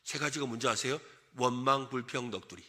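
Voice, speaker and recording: A man preaching a sermon as senior pastor, lively and animated, asking the congregation questions and acting out complaining voices. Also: mid-range voice, a little fast.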